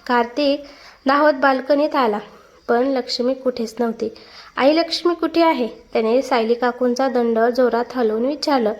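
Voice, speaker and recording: Woman storyteller, fairly high voice, steady emotive narration of a family drama.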